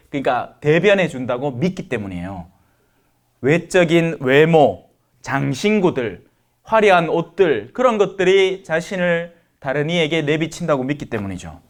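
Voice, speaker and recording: Lively joking priest. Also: male voice, fairly high pitch. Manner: lively, joking, asks the audience questions. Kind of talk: lecture sermon to elderly parishioners.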